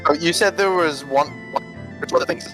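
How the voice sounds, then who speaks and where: A man playing a tabletop game over an online voice call, his audio breaking up and sounding robotic as he talks in a halting, apologetic way. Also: fairly high pitch, music in the background. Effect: choppy robotic call audio breaking up. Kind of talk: casual online game chat.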